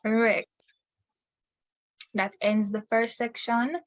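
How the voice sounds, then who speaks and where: A woman's voice: fairly high pitch, flat delivery, slow pace, low-quality recording. A young woman hosting a scripted student quiz, reading out questions in a formal way. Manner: formal, reads questions aloud. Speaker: quiz host.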